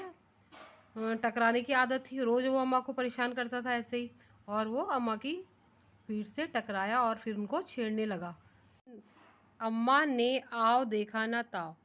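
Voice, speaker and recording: A fairly high-voiced woman teaching a primary class. She reads a story line by line, slows down for the text, then retells it in plainer words and keeps asking the children questions. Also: a bit bright. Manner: rereads lines slowly then explains them in simpler words; asks the class rhetorical questions. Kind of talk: reading and explaining a children's story.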